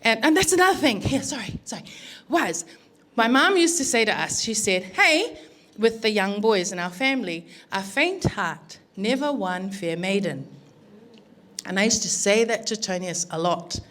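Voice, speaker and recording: A woman's voice: fairly high pitch, fairly quick. A middle-aged woman with a New Zealand accent, the groom's mother, giving a wedding speech full of acted-out family stories. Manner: animated storyteller, acts out family dialogue, laughing often. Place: wedding reception.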